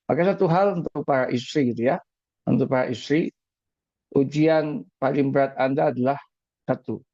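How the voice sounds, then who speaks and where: A male preacher giving an evening religious talk on married life. He speaks at a middle pitch, stays lively, puts questions to his audience and repeats his main points. The recording is dry and slightly muffled. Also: normal speed, no echo.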